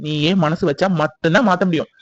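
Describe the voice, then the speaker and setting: A man's voice: a little high, quick pace, no room sound, voice pushed down, close to an everyday voice. A man voicing a sarcastic male inner conscience who lectures and mocks the hero, on slightly dull audio. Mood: scolding. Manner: lecturing, mocking.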